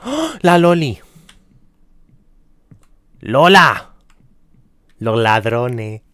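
A streamer giving live horror gameplay commentary, jumpy and cursing, breaking into high panicked yelps. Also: big pitch swings, very slow, fairly bright tone.

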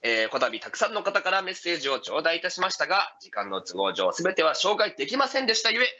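A man's voice: fairly high pitch, sing-song, fast, pushed and bright, muffled recording, full character voice. A man playing a deferential, upbeat ninja retainer co-hosting live radio, speaking polite archaic samurai-era Japanese. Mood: brisk, courteous. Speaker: radio co-host reading listener messages.

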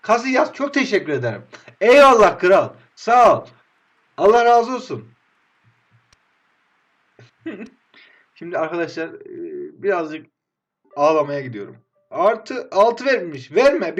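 A man's voice: sits high, a little slow, pauses often. Dramatic young man commentating gameplay. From Turkey. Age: 20s. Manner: dramatic, swings from hushed groaning to excited shouting. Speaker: mobile football game streamer.

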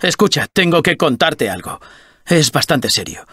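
A man voicing a chatty, nervous male robot sidekick in a dubbed video game, talking in an excitable rambling way. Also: a little high, moderate pace, breathy edge, no room sound, clean studio sound, exaggerated voice.

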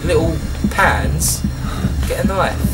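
A British man doing a chatty let's-play, joking and talking back at the screen with a slightly sniffly voice. His pitch bounces all over the place. He sounds a little far from the mic, with loud game music behind him. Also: animated, takes it slowly. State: a bit sniffly. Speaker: gameplay commentator. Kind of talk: casual let's-play commentary.

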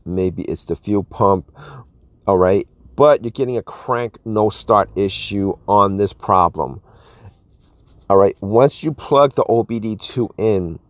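A car repair video host with a low voice casually explains a repair outdoors at an open engine bay, with no echo. He rambles, often saying "all right" and "you guys."

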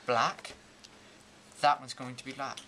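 Teen guy explaining a card trick step by step, bright voice, halting amateur magician patter, bit of hiss and clicks. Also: medium pitch, flat delivery. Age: teens. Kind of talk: informal step-by-step demonstration and explanation. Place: indoors at a table and whiteboard.

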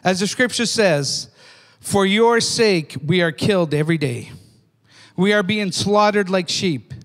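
Older male preacher, high voice, fervent sermon delivery, long hall reverb. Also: lively intonation, unhurried. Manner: fervent, repeats "amen?" to the congregation. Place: church.

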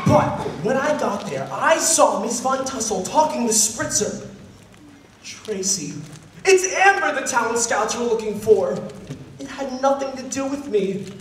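Man acting Link Larkin, slow-talking teen heartthrob, echoey stage. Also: extremely high pitch, a little hiss or hum, exaggerated voice. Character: earnest lovestruck teenage heartthrob boy, a bit dim. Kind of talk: amateur stage musical acting. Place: large indoor theater stage. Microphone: distant audience camera. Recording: echoey theater, far mic, loud music.

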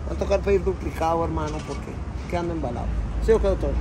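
This thirtysomething Colombian trucking boss and vlogger talks rapid-fire in a high voice while showing off his trucks in a casual walkaround. He's warm and chatty, sprinkling in diminutives, recording on a phone held at arm's length in the outdoor yard and cab, with background noise behind him.

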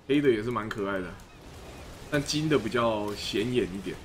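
A man's voice: lowish voice, lively intonation, normal speed, noisy background. Swearing game streamer guy. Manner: casual, joking, swears often. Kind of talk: casual live-stream commentary.

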